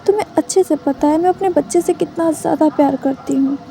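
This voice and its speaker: Storybook mother, fretful and affectionate, read by a woman; high, mellow voice. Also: quick pace, creaky, faint music behind. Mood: fond. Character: caring, anxious young mother.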